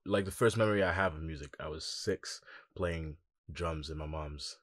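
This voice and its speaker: A young man from Congo, a musician guest in a casual interview, talking in a relaxed, reflective way with lots of "like" and "um". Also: a bass voice, moderate pace, no echo, studio quality.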